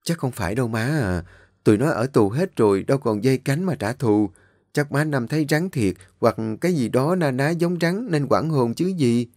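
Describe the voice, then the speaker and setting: A man voicing an anxious, gentle young wife. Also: mid-range voice, expressive, moderate pace, dry recording, clean studio sound, voice pushed up, close to an everyday voice. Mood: worried. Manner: soft, worried.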